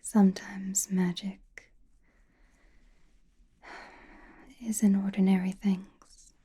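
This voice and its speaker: A woman voicing a powerful, mysterious witch in a slow, breathy, intimate ASMR whisper, gently teasing and soothing. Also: mid-range voice, level tone. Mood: gentle, wise.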